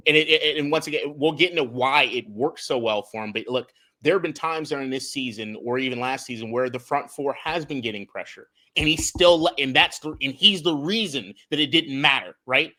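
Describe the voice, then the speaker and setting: A young man co-hosting a casual sports podcast, with a bright, forceful voice. He talks in an animated way, swears freely, and stumbles over restarted words as he breaks down game film. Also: medium pitch, brisk, hardly any pauses. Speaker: podcast co-host and film analyst.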